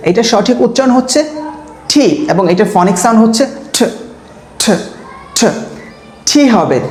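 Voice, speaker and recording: A woman teaching an English pronunciation lesson, drilling example words slowly and asking and answering her own questions. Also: mid-range voice, darkish tone. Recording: roomy echo.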